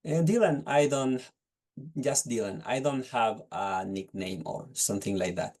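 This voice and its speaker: Over a video call, a young man with a Chilean accent answers exam questions off the cuff as a test candidate. He speaks at a measured pace in a medium, slightly mellow voice with lively intonation, though he's hesitant and keeps restarting phrases while searching for words.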